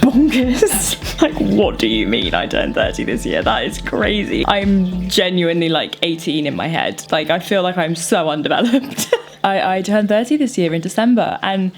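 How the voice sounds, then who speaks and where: Beauty vlogger, woman of 30, low-ish voice, chatty and playful, faint music underneath. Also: sing-song, normal speed. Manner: chatty, playful, laughs often. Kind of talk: casual get-ready-with-me makeup chat.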